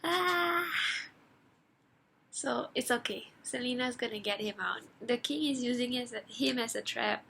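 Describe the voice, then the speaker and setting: A woman giving a casual book review for her vlog, gushing and animated as she acts out her own reactions. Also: fairly high pitch, moderate pace, gravelly, few pauses, slight background noise. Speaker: book vlogger.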